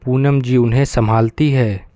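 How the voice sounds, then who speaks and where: Steady male storyteller for a bedtime romance serial, mellow and dark, dry close sound. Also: medium pitch, normal speed, dry recording. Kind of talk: scripted bedtime story narration.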